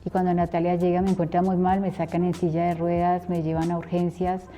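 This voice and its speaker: A woman's voice: fairly low pitch, monotone, a little fast, warm tone, soft background music. A middle-aged woman, a preacher earnestly telling her personal testimony and acting out remembered conversations.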